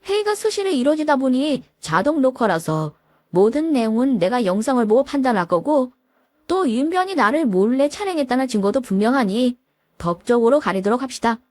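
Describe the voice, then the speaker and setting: A woman voicing an older man who heads a law firm and speaks calmly and firmly as a protective father. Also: sits high, brisk, no room sound, pitched above the performer's own voice.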